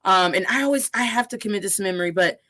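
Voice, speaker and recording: A woman in her thirties hosting a casual interview, energetic and sprinkling Spanish words into her English. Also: mid-range voice, racing. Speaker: podcast host.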